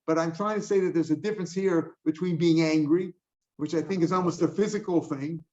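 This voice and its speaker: A man's voice: on the high side, steady tone, brisk, darkish tone. An older man teaching a daily Talmud class, explaining passages line by line in a conversational way with asides and restarts. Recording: dull lo-fi recording.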